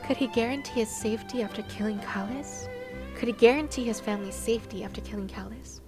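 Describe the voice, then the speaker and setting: A woman with a fairly high voice talks fast while livestreaming a video game, with the game's music behind her. She comments casually, reads things aloud and muses as she thinks them through.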